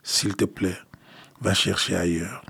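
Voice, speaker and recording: A man's voice: deep voice, little pitch movement, slow pace, vocal fry, a bit bright, breathy edge, heavily acted. A man voicing a proud little singing creature that politely refuses.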